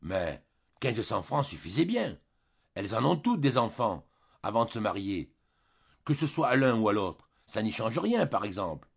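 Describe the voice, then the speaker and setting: A man voicing an indignant, greedy young husband who shouts in outrage, in a slightly dull recording. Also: mid-range voice, vocal fry, slightly rough, voice pushed up, exaggerated voice.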